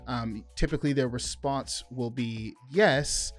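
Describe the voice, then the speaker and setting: A man's voice: medium pitch, unhurried. Man coaching sales calls, music behind. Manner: demonstrates call scripts by acting out both sides; conversational, explains step by step with examples. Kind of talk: sales training talk to camera.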